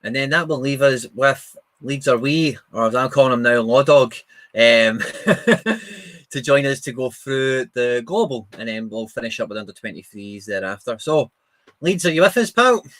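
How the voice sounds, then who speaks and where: A man's voice: mid-range voice, lively intonation, normal speed, a bit bright, no echo. A man hosting a live show in casual chat, informal and chummy.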